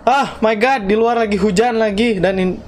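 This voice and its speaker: A man's voice: high-pitched, moderate pace. A young man doing slangy let's-play commentary on a horror game, mixing in English phrases and shrieking at jump scares. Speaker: gaming YouTuber.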